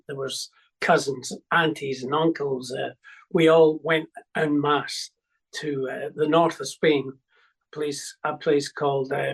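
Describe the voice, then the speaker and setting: Older Scottish man, halting storyteller. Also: fairly high pitch, creaky, husky, rough recording. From Scotland. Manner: hesitant, full of ums and restarts. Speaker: musician guest. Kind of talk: reminiscing interview.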